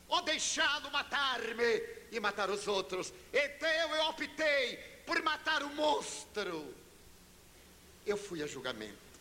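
High, bright older man giving a dramatic talk. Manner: dramatic, with sudden shifts in pitch and loudness. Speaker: spiritist speaker. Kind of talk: sermon-style dramatic storytelling. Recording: reverberant hall, faint hiss.

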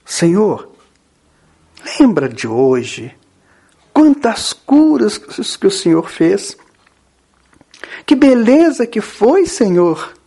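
A man's voice: very animated, drawn-out words, long pauses, warm tone, slightly rough, full character voice. A man with a Brazilian accent voicing an earnest adult male disciple who keeps imploring his master. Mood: coaxing. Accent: Brazilian Portuguese. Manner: imploring, higher and more urgent than his narration.

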